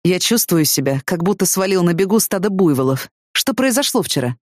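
A woman reading a quiet, calm young man. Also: fairly low pitch, no echo, clean studio sound. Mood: sleepy teasing. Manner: quiet, matter-of-fact, unhurried.

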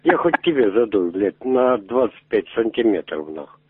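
A man's voice: fairly low pitch, expressive, moderate pace, slightly rough, no echo. A man making a crude prank phone call, pushy and rambling, swearing often as he keeps asking to meet. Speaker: prank caller. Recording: tinny phone line.

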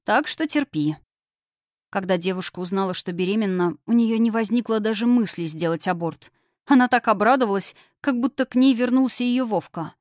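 A woman narrating an audiobook in an expressive, heartfelt storytelling manner. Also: medium pitch, brisk, no echo, studio quality. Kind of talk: audiobook reading.

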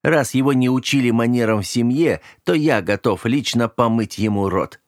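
A man voicing a friendly-sounding but menacing young man who switches between easy cheer and cold, clipped calm in an audiobook. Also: mid-range voice, normal speed, dry recording, clean studio sound, close to an everyday voice. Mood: steely. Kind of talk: audiobook character voice.

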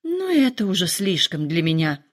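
A woman voicing an excitable, dramatic middle-aged mother who complains in a shrill, lively voice. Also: normal speed. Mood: fretful.

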